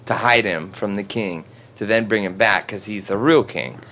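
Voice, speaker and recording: A man's voice: on the low side, moderate pace, sharp tone, slight background noise. A man casually recapping a movie plot with friends, joking and swearing as he rambles.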